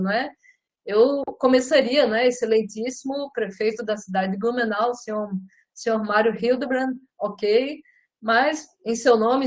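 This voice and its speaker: A middle-aged woman gives a lively live lecture on public speaking. She often turns to her listeners and ends her phrases with tag questions. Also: medium pitch, poor audio. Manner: lively and animated, often addresses listeners as "gente".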